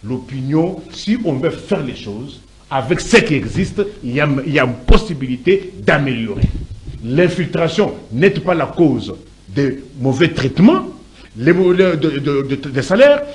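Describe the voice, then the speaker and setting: A middle-aged man, an indignant, emphatic panelist in a heated studio debate who stumbles over repeated words. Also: fairly high pitch. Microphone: desk microphone.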